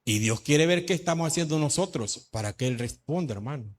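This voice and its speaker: A middle-aged male pastor from El Salvador, preaching a lively sermon that swings from shouts to low asides. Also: a little fast. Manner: animated preaching, shifts from shouts to low asides, says "hermano" often.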